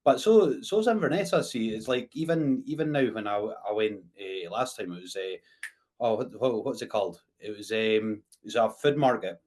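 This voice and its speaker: Hesitant Scottish Highland man hosting a podcast. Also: moderate pace, a little mellow. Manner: hesitant, frequent "eh" tags and repeated words. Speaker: podcast host. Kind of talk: casual interview chat.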